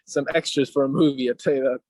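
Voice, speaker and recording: A young man from Kenya, a rapper, telling stories in a relaxed, joking way in a casual podcast chat. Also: medium pitch, fast talker, dry recording, poor audio. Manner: laid-back, joking storyteller. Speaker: guest rapper.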